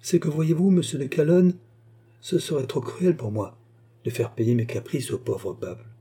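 A man's voice: mid-range voice, animated, normal speed, mellow, husky. A man voicing a queen who asks eager, gracious questions. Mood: curious. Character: curious, pleased female queen.

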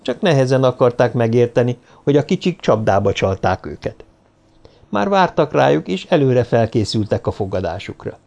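A man reading an audiobook in an even, steady narration. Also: medium pitch, creaky, highs cut off.

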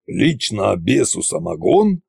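A man reading as a scheming old tsar who gives his orders slowly, a gravelly, husky voice rising and falling widely. The audiobook voice sounds close and dry. He bosses his underlings in a homely, cunning way. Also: fairly low pitch, sing-song, darkish tone, dry recording, full character voice. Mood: commanding. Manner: slow, commanding, folksy. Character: bossy scheming old male tsar Koschei.

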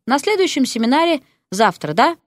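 A nervous young male teacher, flustered and given to weary sighs and grumbling, as a woman reader puts him on. The voice stays lively and somewhat raised, read close and dry in an audiobook. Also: sits high, a little fast, no echo, voice pushed up. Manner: flustered, sighing.

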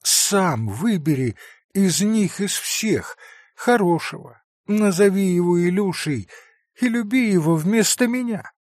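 Casting: man doing a dying young boy, soft and breathy, pitched high, audiobook reading. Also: lively intonation, takes it slowly, no room sound, studio quality, full character voice. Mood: pleading tearful. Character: gravely ill young boy, tender and pleading.

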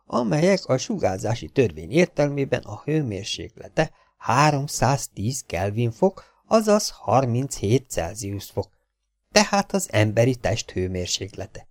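A man's voice: medium pitch, big pitch swings, no echo, clean studio sound. A man reading a science fiction audiobook aloud, lifting his voice to act out each character's quoted lines. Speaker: audiobook reader.

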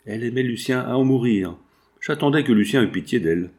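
A man's voice: medium pitch, lively intonation, a little fast, a little mellow, natural voice. A man voicing a courteous middle-aged male industrialist and father, speaking in formal, old-fashioned phrases. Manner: formal, courteous nineteenth-century speech.

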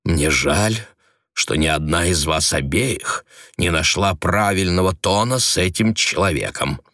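Man as stern old aristocratic lady, slow haughty speech, dry close voice. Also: low voice, animated, bright, forceful tone, no echo, heavily acted.

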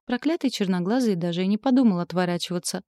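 A woman narrating an audiobook in a lively, wry first-person storytelling manner. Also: mid-range voice, fast, dry recording, clean studio sound.

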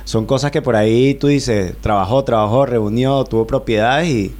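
A Venezuelan bicycle traveler in his thirties, speaking with a Venezuelan Spanish accent, tells his story at length as a guest in a radio studio during a relaxed interview. He uses many fillers and restarts, his mid-range voice slightly mellow at a moderate pace.

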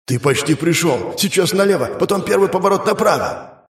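A man's voice: sits high, animated, a little fast, pitched above the performer's own voice. A man voicing a bloodthirsty, scornful male demon spirit trapped in a weapon, with a growling, commanding way of talking and an echoing demonic effect on the voice. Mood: eager. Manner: growling, commanding, pleading for release. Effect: demonic voice with echoing reverb. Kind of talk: audiobook reading. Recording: echoey reverb effect.

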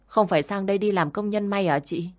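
A woman's voice: medium pitch, a little fast, pitched above the performer's own voice, close to an everyday voice. A woman voicing a naive, polite young woman in her twenties who talks in a pleading way. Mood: confused.

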